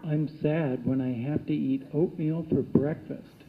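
A man's voice: a little high, a little slow. Male text-to-speech computer voice, tinny. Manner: flat, even, mechanical sentences. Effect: synthetic text-to-speech computer voice from a communication device. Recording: tinny speaker with faint noise.

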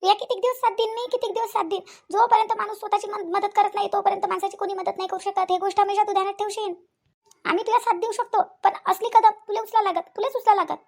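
Cartoon aunt with a Vidarbha accent, older, bossy and repetitive, shrill and rapid; one actor voices her. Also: fairly even intonation, gravelly, darkish tone. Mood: urging. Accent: Vidarbha Marathi. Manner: preachy, repeats points, fast. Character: older village aunt giving firm advice. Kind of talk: cartoon voice acting.

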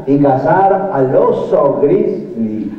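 A man's voice: a little high, animated, very slow, a crowd in the background. An actor playing a forgetful, sleepy old man, who keeps losing his thread in a comedy sketch. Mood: drowsy rambling. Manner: trails off and loses his thread. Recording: distant, dull, very echoey room.

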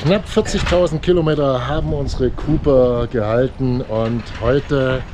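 A man casually narrating a travel vlog outdoors, in a relaxed, matter-of-fact way. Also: medium pitch, measured pace. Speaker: travel vlogger. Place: outdoors on hiking trails and by a car. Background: background music.

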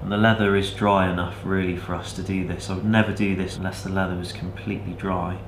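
Low-voiced man demonstrating leatherwork in an echoey workshop. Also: fast talker. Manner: relaxed, practical, talking while working. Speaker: bushcraft channel host. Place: cluttered indoor workshop. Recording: echoey workshop with background noise.

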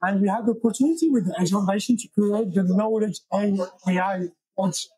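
A man from Belgium in his thirties, speaking in a high, husky voice with a warm, dark tone. He talks haltingly, restarting often. Dry, close sound from a lapel mic. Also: no room sound, rough recording. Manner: halting, many restarts and fillers. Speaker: guest, software engineer and founder. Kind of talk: casual interview. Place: small wood-paneled room, indoors.

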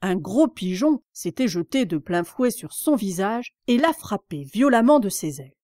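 Female storybook narrator, measured and calm, close dry recording. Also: medium pitch, dry recording. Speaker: audiobook reader.

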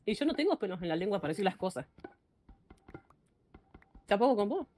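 This Argentine-accented streamer chats casually, ranting bluntly and interrupting herself frequently. She speaks at a medium pitch in a brisk, sing-song, slightly mellow voice, with soft music playing behind her.

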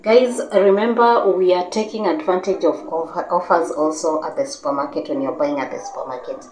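Her voice sits on the low side, steady and a little mellow, and she talks briskly; the recording is rough, roomy, and carries slight hiss or hum. A young Kenyan woman vlogging indoors in a living room with a sofa, she chats about her grocery haul in Kenyan-accented English, with lots of gestures, fillers, and restarts.

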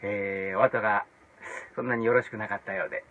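A male comedian hosting his own video blog, talking in a casual comic monologue and jumping into loud mock-English shouts. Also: fairly low pitch, steady tone, quick pace, slight background noise. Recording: dull lo-fi sound.

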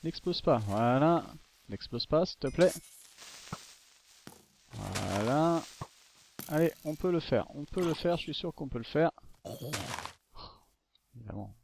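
A man's voice: on the high side, lively intonation, slow, vocal fry, pauses often, darkish tone, a little hiss or hum. A man casually narrating a video game as he plays, chatty and rambling, coaxing the creatures on screen. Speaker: gaming YouTuber. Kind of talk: casual let's-play commentary. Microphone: desktop microphone.

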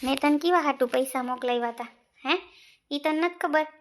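A put-upon younger brother with a Kathiyawadi Gujarati accent, played by a woman in a comic village skit. He complains and argues in a high voice, sounding wronged and stubborn. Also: brisk, close to an everyday voice. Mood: aggrieved. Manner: complaining, argumentative village talk. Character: man, Sandeep, a grumbling middle-aged younger brother.

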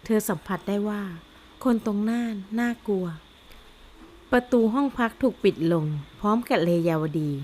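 A woman's voice: medium pitch, moderate pace, a little mellow. Woman narrating an audio novel.

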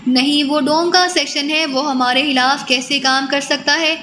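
A woman reading a panicked male lab chief who barks commands in a high, bright voice. The audiobook carries a long reverb tail. Faint noise sits underneath. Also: steady tone. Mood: alarmed. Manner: shouting, urgent commands. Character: agitated male scientist in charge, barking orders.

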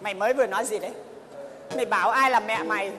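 A woman's voice: medium pitch, very fast, a bit bright, natural voice. A woman playing a furious jealous wife and mother with a Northern Vietnamese accent, shrieking and scolding theatrically. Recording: live stage, hall reverb, audience noise.

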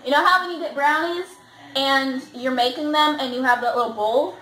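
A young woman vlogger chatting casually through a candy taste test at home, excitable and giggly. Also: high voice, moderate pace. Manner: excitable, giggly, bursts into squeals. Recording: echoey room with faint noise.

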